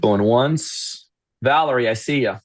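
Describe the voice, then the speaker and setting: A man's voice: mid-range voice, measured pace, no echo. Chatty man hosting a webinar. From Russia. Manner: rambling, self-deprecating, laughs often. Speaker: webinar host. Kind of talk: casual webinar chat. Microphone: video call.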